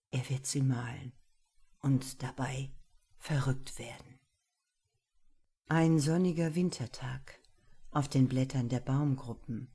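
A woman narrating a literary audiobook in a slow, hushed, intimate delivery. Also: very deep voice, breathy edge.

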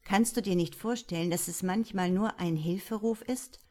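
A woman's voice: fairly low pitch, normal speed, dark tone, lightly acted. A woman reading an earnest female detective. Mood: reproachful.

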